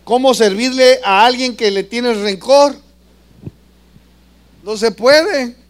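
A man preaching a sermon as pastor, asking the congregation questions and swinging between loud passages and soft ones. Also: extremely high pitch, slow pace, smooth.

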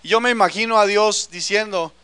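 A man with a very high, bright voice preaches a sermon. His tone is clear and resonant, and the recording is dry and close. He speaks earnestly and calls his listeners brother. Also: brisk, no echo.

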